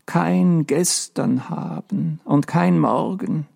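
A man's voice: gravelly, a little mellow, exaggerated voice. A man voicing a sad, sleepless centuries-old male ghost who speaks in a dreamy, plaintive way. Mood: wistful. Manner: dreamy, plaintive, higher and slower.

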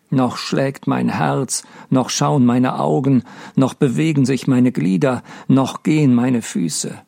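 A man voicing a weary, broken old father who speaks in a slow, mournful lament in an audiobook reading. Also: mid-range voice, vocal fry, warm tone, breathy edge, dry recording, studio quality, voice pushed up, heavily acted.

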